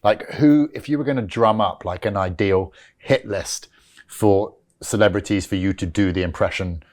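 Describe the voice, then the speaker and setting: Low-voiced man hosting an interview. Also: moderate pace, a little mellow. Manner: friendly, rambling questions, repeats words. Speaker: podcast host. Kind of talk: casual interview chat.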